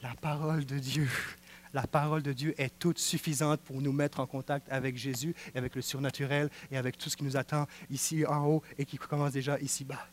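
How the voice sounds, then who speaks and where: A man preaching a sermon with a Quebec French accent, swinging from hushed passages to fervent exclaiming. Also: medium pitch, little pitch movement, brisk, a little hiss or hum. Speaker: pastor.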